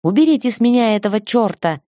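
A woman's voice: fairly high pitch, animated, fast talker, warm tone, no echo, clean studio sound, voice pushed up, lightly acted. A woman voicing an arrogant, hot-tempered male director who threatens and sneers, in an audiobook reading. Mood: hostile. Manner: rude, threatening outbursts.

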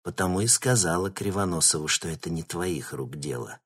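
A man's voice: low voice, slightly rough. A man reading a cold, imperious woman leader. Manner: cold and measured.

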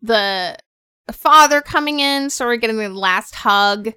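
A woman's voice: a little high, measured pace, sharp tone, clean tone, no room sound, studio quality. A woman co-hosting a podcast, chatting casually about a TV episode, peppering her talk with "like.". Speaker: podcast co-host. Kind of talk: casual chat reviewing a TV episode.

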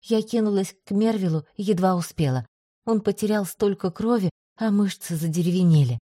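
Mellow-voiced woman narrating a story. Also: medium pitch, brisk, dry recording, clean studio sound. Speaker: audiobook narrator. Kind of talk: first-person scripted narration.

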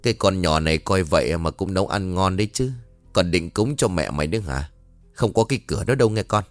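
A man's voice: low voice, expressive, a little fast, no room sound, faint music behind. A man voicing a cruel, foul-mouthed pregnant stepmother who scolds shrilly and snarls threats. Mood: smug.

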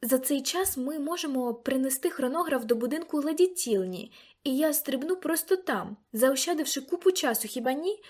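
A woman's voice: high voice, expressive, moderate pace, darkish tone, voice pushed up. A woman reading a quizzical teenage girl. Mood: insistent. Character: spirited teenage girl, quick and doubtful. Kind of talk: audiobook character reading.

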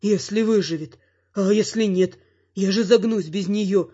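A man reading a first-person audiobook with lively, emotional storytelling. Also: high voice, measured pace, breathy edge, dull audio. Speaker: audiobook narrator.

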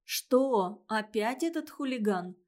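A hot-tempered, gullible storybook mother, voiced by a woman, loud and indignant. She scolds in a slightly raised voice. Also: fairly high pitch, expressive, slow. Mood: puzzled. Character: quick-tempered gullible mother, middle-aged.

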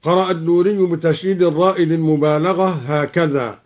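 High-voiced man teaching Quran readings, lo-fi radio. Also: steady tone. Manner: measured explanation followed by drawn-out melodic recitation. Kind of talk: explaining and demonstrating Quran recitation readings. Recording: dull lo-fi archive radio recording.

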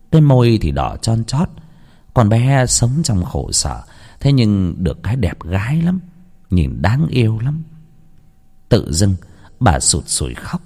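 A man narrating a ghost story dramatically, swinging between hushed and heightened tones. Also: mid-range voice, creaky, breathy edge.

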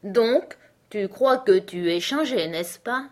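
A woman's voice: medium pitch, lively intonation, slow pace, darkish tone, voice pushed up. A woman voicing a languid, sleepy and curt female caterpillar in an audiobook, speaking sternly. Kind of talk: audiobook character reading.

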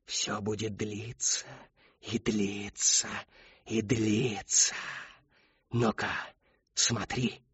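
A man voicing a sinister, mocking female spirit in a slow, hushed whisper. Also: on the low side, level tone, slightly rough, no echo, full character voice. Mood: sinister taunting. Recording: dull lo-fi dry recording.

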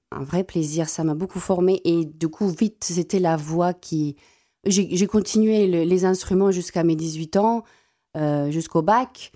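A young South African classical singer, an Afrikaans-speaking woman, answers radio interview questions haltingly and repeats many words. Her voice is fairly low and mellow.

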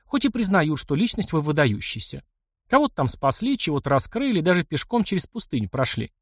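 A man voicing a defiant, tearful, sharp-tongued young noblewoman in an audiobook. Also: a little high, big pitch swings, brisk, breathy edge, no room sound, studio quality, pitched above the performer's own voice, exaggerated voice. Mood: teasing. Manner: teasing, challenging. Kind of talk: audiobook character voice.

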